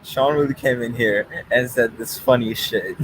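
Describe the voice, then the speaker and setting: A man's voice: medium pitch, moderate pace, a little hiss or hum, poor audio. A man chatting casually on a live stream, reading out chat and arguing back with profanity and laughter. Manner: reads out chat, argues, swears, laughs.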